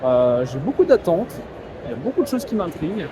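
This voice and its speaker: A man vlogging casually on site at a convention, his voice hoarse from talking loudly over noise. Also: on the high side, sing-song, fairly quick. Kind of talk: casual on-site vlog talk to camera. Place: busy convention hall, quieter corner.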